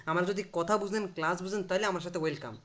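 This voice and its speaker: A man's voice: high voice, fairly even intonation, fast, fairly bright tone. A man teaching a live online language class, explaining patiently, drilling pronunciation and quizzing his student.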